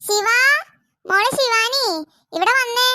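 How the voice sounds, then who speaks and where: A woman's voice: very high-pitched, slow, sharp tone, dry recording, studio quality, voice pushed up, exaggerated voice. A woman voicing an exasperated mother in a family cartoon who scolds her children. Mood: scolding. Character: scolding harried cartoon mother of several kids.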